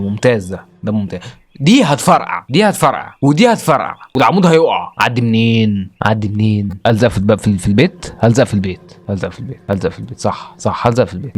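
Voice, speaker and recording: A young Egyptian man with an Egyptian accent, commentating his own gameplay, frustrated and repeating himself as he talks through each move. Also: on the low side. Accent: Egyptian Arabic. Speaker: gaming YouTuber.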